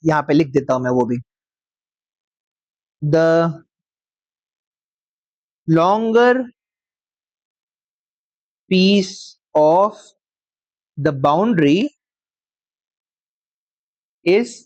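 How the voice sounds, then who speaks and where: Male maths teacher, unhurried dictation, dry close sound. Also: on the high side, a little mellow, no room sound, dull audio. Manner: slow dictation word by word, checks with frequent questions. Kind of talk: live class lecture.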